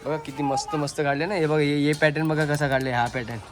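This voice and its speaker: A man's voice: on the high side, steady tone, fast talker. A man vlogging casually with a handheld phone camera, chatting directly to his viewers as he moves around town outdoors and in his vehicle. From Maharashtra, India. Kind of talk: casual vlog narration. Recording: noisy outdoor street recording.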